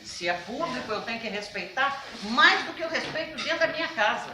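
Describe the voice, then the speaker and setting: A woman on a national health council gives an emphatic talk to a workshop, asking rhetorical questions and speaking loudly. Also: high-pitched, expressive, fairly quick, noisy background. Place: workshop meeting room. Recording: roomy, from a distance.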